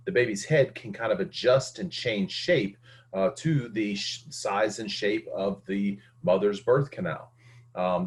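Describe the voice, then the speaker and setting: A man teaching an anatomy lesson, explaining step by step with frequent fillers and restarts. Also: on the low side. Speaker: anatomy instructor. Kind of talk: recorded lecture.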